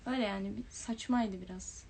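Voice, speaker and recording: A woman's voice: mid-range voice, fairly even intonation, fairly quick, a little mellow, a little hiss or hum. A young woman hosting a casual livestream, reading viewers' comments aloud and answering them in a chatty way. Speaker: livestream host. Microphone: phone or webcam livestream.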